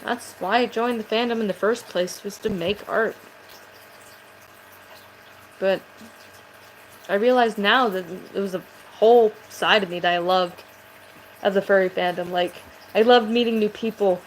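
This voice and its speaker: A woman's voice: medium pitch, unhurried, pauses often, a little hiss or hum, poor audio. A woman vlogger chatting casually to camera, rambling and swearing, with a voice that sounds aggressive.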